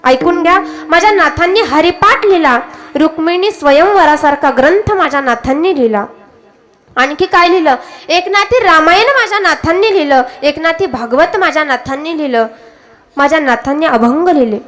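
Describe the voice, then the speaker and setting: A woman's voice: high-pitched, lively intonation, normal speed, fairly bright tone. A woman with a Marathi accent preaching a devotional kirtan sermon, telling stories and putting questions to the audience. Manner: storytelling, questions the audience directly.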